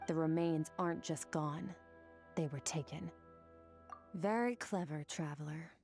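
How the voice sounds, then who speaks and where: A woman voicing an aloof, powerful otherworldly swordswoman in a video game, cool, haughty and measured. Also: low-pitched, a little mellow. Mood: grave, detached. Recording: faint game music behind.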